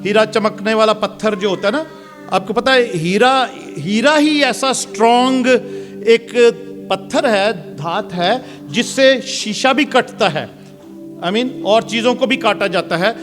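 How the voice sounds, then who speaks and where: Male pastor, sermon, loud forceful preaching, very high voice, long church-hall echo. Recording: reverberant church hall with music behind.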